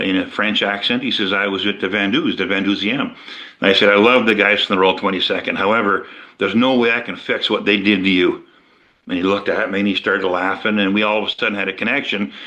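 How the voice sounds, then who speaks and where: A man who rides motorcycles tells a personal story about meeting a traumatized soldier, earnest and reflective, with halting restarts. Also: lowish voice, sharp tone. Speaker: veteran motorcycle rider. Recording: dull lo-fi sound.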